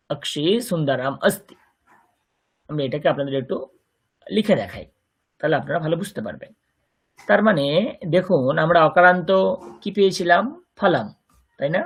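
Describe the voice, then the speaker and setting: A man with a Bengali accent teaches a Sanskrit grammar lesson online, patiently explaining and repeating words for his students. His voice is fairly high with a breathy edge.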